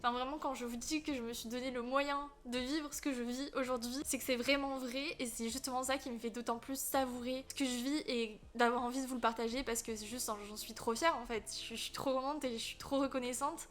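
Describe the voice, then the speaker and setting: Woman, twenties, casual vlog, chatty, enthusiastic, higher voice, indoors, camera mic. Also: fairly even intonation, fairly bright tone. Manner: chatty, enthusiastic, quick asides. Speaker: vlogger. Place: apartment indoors.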